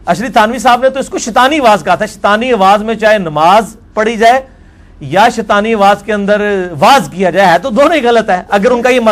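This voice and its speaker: A man speaks in the manner of a religious lecture. He reads quoted texts slowly and then comments on them forcefully. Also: high voice. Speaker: religious scholar.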